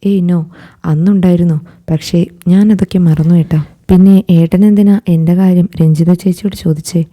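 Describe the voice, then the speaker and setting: A woman voicing a shy, soft-spoken young woman with hesitant replies. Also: fairly low pitch, fairly even intonation, moderate pace, close to an everyday voice.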